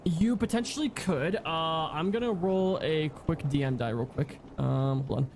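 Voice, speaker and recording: High-voiced young man running a tabletop game. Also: creaky, darkish tone, a little hiss or hum. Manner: halting, full of ums and restarts. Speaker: game master. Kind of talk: narrating a tabletop game over voice chat. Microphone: home microphone on voice chat.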